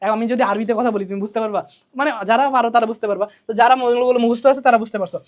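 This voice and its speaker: Woman tutor, quick and higher-pitched, chatty drilling style. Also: steady tone. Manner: drills key answers by asking and repeating them; colloquial, chatty. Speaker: teacher. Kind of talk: exam revision lesson.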